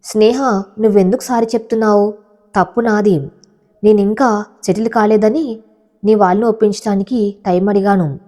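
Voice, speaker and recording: Lady reading as a young guy in love, earnest and hurting, mellow voice, storybook. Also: mid-range voice, fairly even intonation, normal speed, natural voice. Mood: pained.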